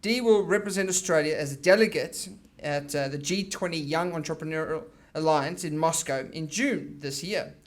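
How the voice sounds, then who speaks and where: A man's voice: fairly high pitch, normal speed. A man with a South African accent, the event host, reading a formal introduction of a guest speaker on stage. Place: event stage before an audience.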